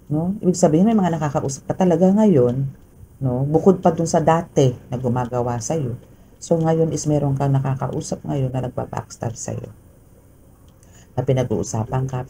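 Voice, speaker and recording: A tarot reader with a Filipino accent talks through a casual reading in a very dark, mellow tone with a gravelly fry underneath. The delivery is chatty, with fillers and a steady run of tag questions to the viewer. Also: mid-range voice, a little hiss or hum, rough recording.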